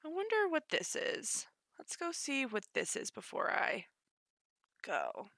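A woman reacting to a game trailer, gushing and excitable, gasping often. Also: sits high, measured pace, vocal fry, dry recording, studio quality. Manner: gushing, excitable, frequent gasps. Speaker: gaming youtuber. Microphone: home desk mic, no face cam.

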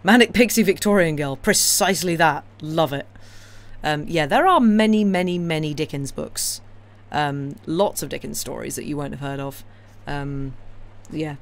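This livestream host, known for reading classic novels aloud, talks to her live viewers in a rambling, casual way that is wry, opinionated and full of enthusiasm. She has a low-pitched voice at normal speed, over steady, clear background noise.

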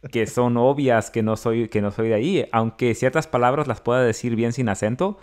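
A man's voice: mid-range voice, moderate pace, darkish tone. A man in his thirties, podcast co-host, telling a story in casual chat with many restarts. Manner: storytelling, acts out quoted voices, many restarts.

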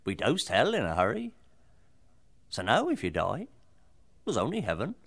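A man's voice: huge pitch swings, normal speed, creaky, fairly bright tone. A man performing a comic folk recitation in a broad rustic style. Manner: broad rustic delivery with sweeping swings in pitch. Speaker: folk storyteller.

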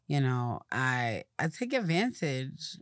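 A woman's voice: extremely low pitch, takes it slowly, no room sound, clean studio sound. Woman with a light lisp, casual. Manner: relaxed, conversational, fillers like "you know". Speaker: guest, publicist. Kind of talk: casual interview conversation.

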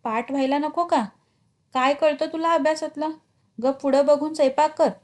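A woman's voice: high voice, steady tone, moderate pace, natural voice. A woman voicing a strict village mother who scolds her son, raising her voice at him. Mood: scolding. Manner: scolding, raised voice.

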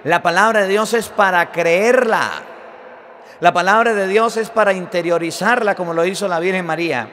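A man preaching a sermon as a priest, emphatic, moving between loud declarations and quiet endings. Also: high voice, normal speed. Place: church. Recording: long church reverb.

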